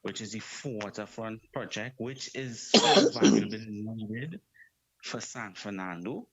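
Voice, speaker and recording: A man's voice: fairly low pitch, measured pace, highs cut off, a crowd in the background. Rambling Trinidadian male caller. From South Trinidad. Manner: rambling, repeats "right?".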